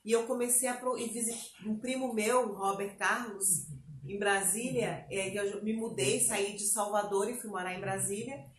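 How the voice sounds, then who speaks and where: This interview guest, a Brazilian woman speaking Portuguese with a Bahian accent, casually recounts her conversion and acts out her own past words. Her mid-range voice keeps a fairly even intonation at a moderate pace. The recording is reverberant with slight background noise.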